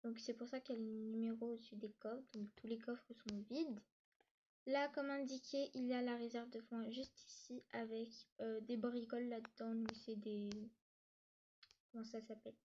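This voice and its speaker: A woman giving a casual tour of her game world, talking quickly with lots of hesitations and restarts, sometimes short of breath. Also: a little high, level tone, dark tone, highs cut off. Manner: hesitant, many fillers and restarts; talks fast, says she struggles to catch her breath. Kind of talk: casual gameplay tour narration.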